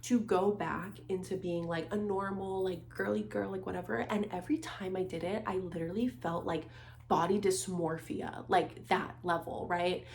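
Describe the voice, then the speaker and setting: A woman in her twenties ranting in a casual monologue, sarcastic and animated, saying "like" constantly. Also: lowish voice, moderate pace, creaky, a little hiss or hum. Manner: animated, sarcastic, heavy use of "like". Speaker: vlogger.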